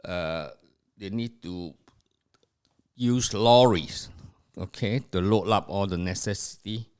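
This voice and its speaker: The host's father, an older man from Singapore, appears as a podcast guest in a family history interview, looking back on the past. His voice is very deep and low, darkish, clear and resonant. He talks slowly, pausing often, restarting sentences and filling gaps with "uh."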